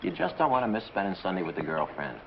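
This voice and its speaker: A man's voice: sits low, big pitch swings, fast, vocal fry, heavily acted. An actor playing an easygoing male friend who talks about fishing trips, in a 1950s film. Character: talkative male fishing-trip buddy, easygoing. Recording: muffled noisy old film soundtrack.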